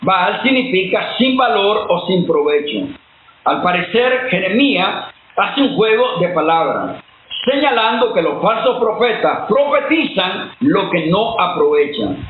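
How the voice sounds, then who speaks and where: A man's voice: high-pitched, sing-song, unhurried. A man preaching a sermon-style Bible teaching, emphatic and often firing questions at his listeners. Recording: tinny phone-like line, echoey, faint hiss.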